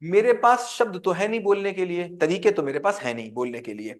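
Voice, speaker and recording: High-voiced man teaching a class. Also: animated, fairly quick. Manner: quizzes the class with call-and-response questions. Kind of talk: interactive class lecture.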